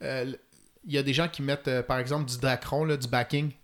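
A man's voice: medium pitch, steady tone, moderate pace. Quebec man explaining fly fishing. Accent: Quebec French. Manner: detailed, technical, with many fillers. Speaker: fly-fishing guest expert. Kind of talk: casual podcast chat.

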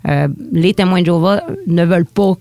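A woman in her forties from Quebec with a Quebec French accent, a comedian speaking in a relaxed, frank interview. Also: fairly low pitch, a little fast. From Quebec (Lac-Saint-Jean). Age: 40s. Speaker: comedian guest. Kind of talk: casual interview.

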